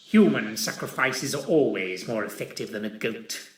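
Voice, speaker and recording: A man's voice: mid-range voice, expressive, normal speed, natural voice. Man doing a cold sneering Nazi officer. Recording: roomy echo.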